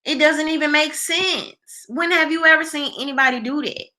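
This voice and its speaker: An American woman hosts a casual livestream chat in a high, bright, forceful voice at a moderate pace. She reads viewer comments and answers them in a colloquial, opinionated, emphatic way.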